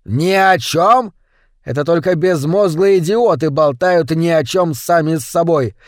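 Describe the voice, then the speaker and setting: A man's voice: on the high side, unhurried, no room sound, studio quality, close to an everyday voice. A man playing a cruel, short bullying master who barks and sneers at his servant. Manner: barking, sneering and mocking.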